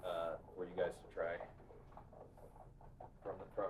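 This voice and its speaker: A man's voice: sits low, level tone, a little slow, low-quality recording. A man in a casual chat who brought samplers to try, chiming in with short remarks. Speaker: guest bringing samplers.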